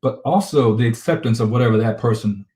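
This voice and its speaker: An energetic man coaching on relationships, his words tumbling out quickly. His voice sits in the middle range and carries an echo from the room around him. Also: medium pitch. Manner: energetic, fast-talking. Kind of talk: casual conversational talk show.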